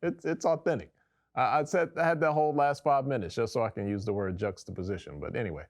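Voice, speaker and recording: A man hosting a casual talk show, joking and bantering in an animated way. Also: mid-range voice, fast.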